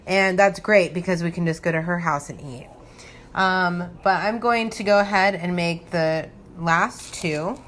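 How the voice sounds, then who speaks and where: A woman's voice: on the low side, unhurried, a bit bright. Tipsy, giggly woman rambling over kitchen noise. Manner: giggly, tipsy, loose chattiness; informal, rambling, thinking aloud. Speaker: home cooking vlogger. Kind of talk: casual cooking demo to camera. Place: home kitchen. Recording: noisy home recording with kitchen ambience.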